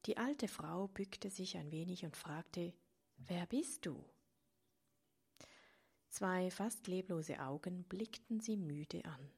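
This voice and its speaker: A woman narrating a story, often dropping into a soft whisper. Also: lowish voice, slow, gravelly, hardly any pauses, slightly rough. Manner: soft, partly whispered delivery.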